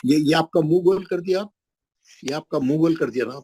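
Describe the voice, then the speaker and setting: A middle-aged man teaching Quran pronunciation in an online class, patiently repeating each sound slowly for his pupils. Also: fairly high pitch, background noise. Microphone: video call.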